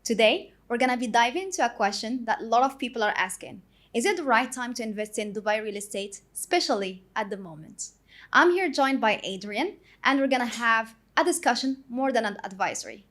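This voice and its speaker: A woman hosting a casual podcast interview as a real estate agent, asking steady, friendly questions. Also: a little high, a little fast.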